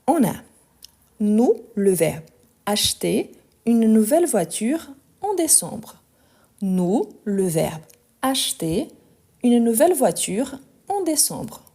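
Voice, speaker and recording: A woman's voice: mid-range voice, mellow. A woman teaching French grammar in a live online lesson recorded on her phone, spelling out letters and patiently thanking viewers.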